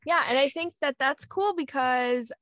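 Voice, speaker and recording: A woman co-hosting a podcast in casual chat, with a loud and emphatic way of talking. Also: high voice, unhurried, no room sound, clean studio sound. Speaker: podcast co-host.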